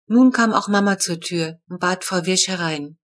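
A woman narrating a children's storybook chapter with a steady, clear reading. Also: on the low side, moderate pace. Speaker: audiobook narrator.

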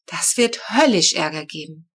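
A woman reading an audiobook, voicing a panicky, easily shocked mother who cries out in high exclamations. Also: lively intonation, moderate pace, husky, heavily acted. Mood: dismayed.

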